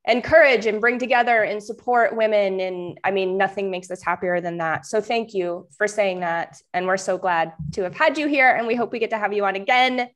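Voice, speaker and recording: A woman co-hosting a podcast, upbeat and encouraging in casual chat. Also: mid-range voice. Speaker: podcast co-host.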